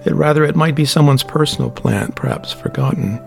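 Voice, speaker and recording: Brief: kindly, polite man, measured speech, gravelly voice, read by the narrator. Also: on the high side, darkish tone, soft background music. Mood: friendly. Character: kindly man, friendly and helpful.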